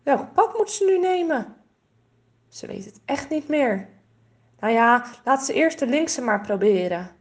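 A woman reading a children's storybook aloud in a gentle, expressive way. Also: high-pitched, a little slow.

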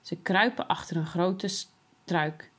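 A woman reading a children's story aloud in an expressive storytelling manner. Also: fairly low pitch, takes it slowly. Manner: expressive, sing-song storytelling.

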